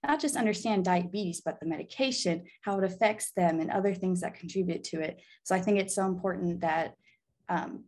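A woman in her twenties from Arkansas, in the United States, speaks with an American accent in a fairly low, slightly mellow voice. She is an interview guest, a pharmacy student and pageant titleholder, giving upbeat, earnest conversational answers.

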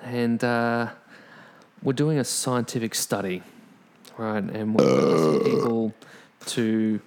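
A man's voice: fairly low pitch, takes it slowly, vocal fry, a little mellow. A man co-hosting a podcast in casual chat, joking, with stammering restarts, in a small makeshift home studio. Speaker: podcast co-host.

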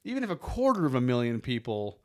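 An American man speaks in an everyday, medium-pitched voice. He talks informally, in the conversational style of a podcast co-host among friends. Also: huge pitch swings, quick pace, a little mellow. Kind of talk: casual chat.

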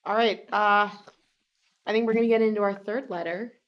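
A woman's voice: medium pitch, fairly even intonation, normal speed, highs cut off. A young woman with a mid-range voice co-hosts a podcast in joking chat. She gives dry, blunt quips at an easy pace. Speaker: podcast co-host. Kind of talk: casual comedic chat.

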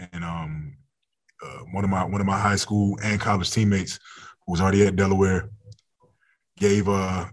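A man's voice: fairly low pitch, slightly rough. A man in his thirties, a football player as guest, talking candidly in a casual interview, laughing often and restarting his words.

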